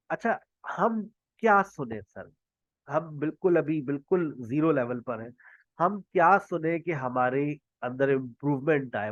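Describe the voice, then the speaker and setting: A man from Pakistan, a native Punjabi speaker, teaching spoken English in an online class over a video call, slowly quizzing his students and modeling English phrases. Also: fairly high pitch, no echo. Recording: dull lo-fi online call audio.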